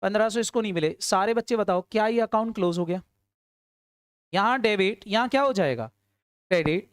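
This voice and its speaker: A woman teaching accounts to a class, firing questions at her students, urging quick answers and often answering them herself. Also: medium pitch, dry recording, clean studio sound. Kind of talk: classroom lecture.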